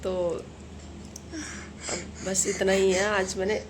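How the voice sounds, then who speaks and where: A young woman talks through her household chores in a relaxed, rambling vlog. Her voice sits at an ordinary middle pitch. The phone camera picks up a faint wash of home background noise. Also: slow. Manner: chatty, rambling, talks while doing chores. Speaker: vlogger. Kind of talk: casual home vlog chat. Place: home kitchen and rooms.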